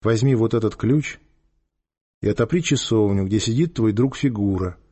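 A man voicing a stern, cool-headed boy leader who speaks low and quiet, in a husky voice. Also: normal speed. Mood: firm.

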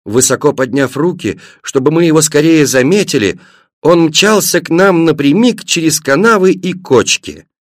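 A man narrating a children's story in an expressive reading, shifting his delivery between scenes. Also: fairly high pitch, moderate pace, no echo, clean studio sound. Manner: expressive, varied reading with voiced characters.

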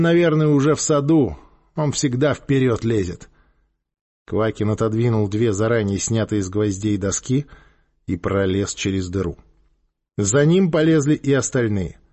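A man reading a story aloud with expressive narration, voicing the characters. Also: mid-range voice. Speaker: audiobook reader. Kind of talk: scripted narration.

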